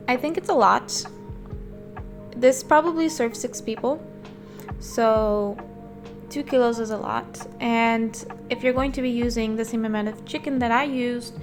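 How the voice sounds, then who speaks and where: A woman with a fairly high voice that has a slight scratch from a sore throat. She narrates a home recipe in a casual, chatty way, explaining as she goes, with music playing behind her. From Portugal. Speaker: home cook hosting a recipe vlog. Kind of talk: casual cooking voice-over. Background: background music.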